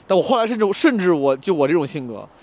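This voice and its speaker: A man telling a story in a casual monologue, animated and self-mocking, with frequent restarts and English phrases mixed in. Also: sits high. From China. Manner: fast, restless retelling with many restarts. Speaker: comedian telling a travel story.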